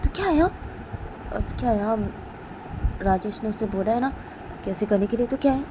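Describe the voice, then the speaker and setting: A woman playing a gossipy, scheming college friend who rambles on in a high, hushed-then-rising voice. Background noise and vehicles run under the storybook telling. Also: lively intonation, fairly quick, lightly acted. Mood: conspiratorial. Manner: rambling, conspiratorial. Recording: noisy background with passing vehicles.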